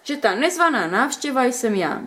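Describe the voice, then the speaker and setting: A woman reading a story aloud, voicing an excitable, easily offended young woman in a high, indignant voice. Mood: excited, prim. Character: lively, touchy young woman playing a game.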